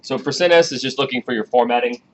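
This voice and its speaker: A man's voice: medium pitch, fast talker. A man in his thirties teaching a programming class in a classroom, chatty and casual, coaxing students to ask questions. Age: 30s. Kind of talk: classroom lecture. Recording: dull, lo-fi classroom recording with faint background hiss.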